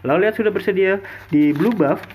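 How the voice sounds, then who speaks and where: A high-pitched man calls an esports match like a fighting game announcer. He is excited, repeats names and fires off rhetorical questions over faint background noise. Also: fairly quick, low-quality recording. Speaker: esports commentator. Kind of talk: fighting game announcer style play-by-play commentary of a mobile game match.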